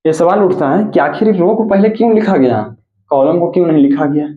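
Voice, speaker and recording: A man's voice: on the high side, a little fast. A male mathematics teacher giving a classroom lecture, who repeats points and asks and answers his own questions. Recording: echoey, tinny phone-like audio.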